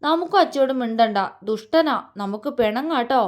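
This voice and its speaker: A playful young pregnant wife teases her husband in a light, high, lilting voice, as a woman storyteller reads her. She has an easy, mischievous manner. The story is read aloud as an audio tale. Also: animated, a little fast, lightly acted. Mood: teasing. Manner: playful, teasing.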